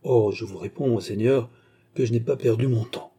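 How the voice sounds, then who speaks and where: Guy reading a sly countess, coy and composed, husky mellow voice, audiobook. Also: mid-range voice, normal speed. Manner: coy, composed, quietly triumphant. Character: cunning, self-assured young woman, a scheming countess.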